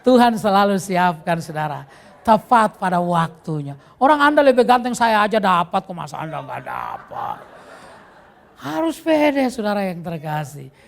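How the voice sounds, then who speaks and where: A male pastor preaching an animated sermon in a church, breaking into bursts of shouting. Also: sits high, normal speed, creaky.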